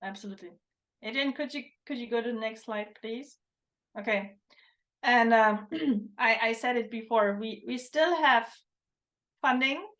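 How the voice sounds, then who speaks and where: A woman's voice: fairly high pitch, a little slow, a bit bright. A woman talking through a livestream panel discussion, thoughtful, often restarting her sentences. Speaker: livestream presenter. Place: online livestream, video call.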